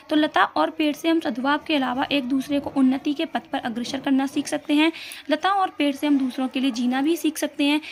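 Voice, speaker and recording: A woman teacher explaining a school textbook poem step by step, patiently reading out the answers. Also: sits high. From India.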